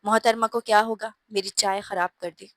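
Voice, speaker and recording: A woman's voice: medium pitch, fairly even intonation, normal speed, a bit bright, no room sound, natural voice. A woman voicing a stern, short-tempered young man in a storybook who talks in curt, snapping bursts. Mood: irritated.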